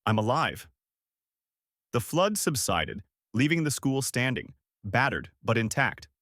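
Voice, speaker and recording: A man's voice: mid-range voice, very animated, unhurried, a bit bright, dry recording, studio quality. A man narrating a scripted story with a dramatic, sweeping delivery.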